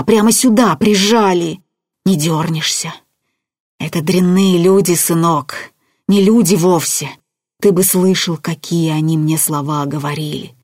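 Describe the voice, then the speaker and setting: Woman doing a gruff, hushed hunter father. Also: no echo, clean studio sound. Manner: low, hushed, muttering. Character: gruff middle-aged hunter father, frightened and bitter.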